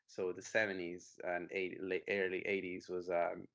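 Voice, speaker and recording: A man's voice: low voice, monotone, moderate pace, creaky, fairly bright tone. A man, a dance company director, talking easily as an interview guest over a video call. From Venezuela. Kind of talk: casual interview conversation.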